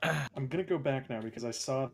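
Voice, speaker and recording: A man's voice: medium pitch, brisk. A man chatting casually while playing a video game with friends. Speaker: gamer in a group playthrough. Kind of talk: casual gaming chat. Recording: clear background noise, keyboard typing.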